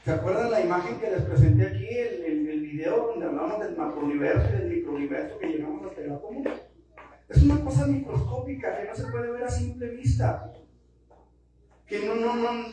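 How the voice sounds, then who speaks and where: A man preaching a sermon as pastor, impassioned and emphatic, dropping to soft asides and then rising to loud bursts. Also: high-pitched, slight background noise. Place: church sanctuary. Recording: very echoey church from far off.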